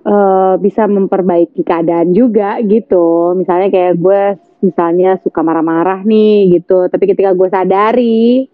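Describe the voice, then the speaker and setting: A woman's voice: medium pitch, normal speed, hardly any pauses, no room sound. Reflective mother on a tinny line. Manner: relaxed, slangy, reflective, mixes in English. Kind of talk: casual chat. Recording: tinny phone-line audio, dry.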